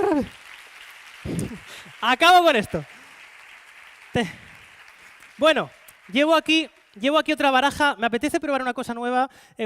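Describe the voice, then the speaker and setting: High-voiced, quick-talking Spanish magician. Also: male voice, dry recording, clean studio sound. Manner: fast, playful showman, coaxing volunteers. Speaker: stage magician. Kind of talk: live card-magic show with audience volunteers. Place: conference hall with live audience.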